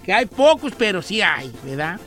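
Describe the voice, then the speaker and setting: Very high-pitched man, Mexican accent, radio studio host, bright and sharp voice, teasing banter, faint music behind. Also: sing-song, moderate pace. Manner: playful, teasing, exaggerated.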